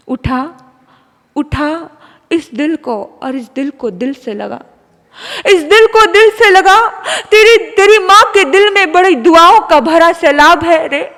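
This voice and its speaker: A woman's voice: very high voice, a little slow, hardly any pauses, a bit bright, pitched above the performer's own voice. A woman voicing a loving, forgiving mother who pleads tenderly with her grown son. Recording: long hall reverb.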